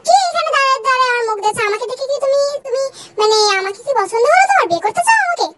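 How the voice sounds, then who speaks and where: A woman's voice: very high-pitched, animated, very fast. Woman playing a sleepy, cheeky young prince. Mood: sleepy teasing. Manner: sleepy, teasing drawl. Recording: loud background hiss.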